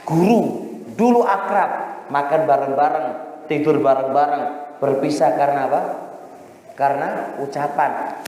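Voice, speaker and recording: A man preaching a sermon, lively, chanting verses and calling his listeners sir. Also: a little high, unhurried, pauses often. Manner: lively preaching, sung Quran verses, addresses audience as Pak. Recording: very echoey hall.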